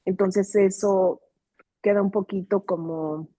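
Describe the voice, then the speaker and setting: Slow, husky-voiced woman student. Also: medium pitch, fairly even intonation, dark tone, no echo. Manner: hesitant, reflective, many fillers. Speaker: seminary student. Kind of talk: class discussion answer.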